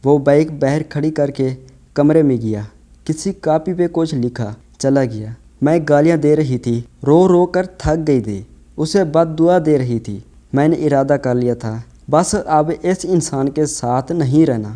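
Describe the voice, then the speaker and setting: Guy reading a sad story out loud, steady and emotional, warm mellow tone. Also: on the high side. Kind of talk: first-person story narration.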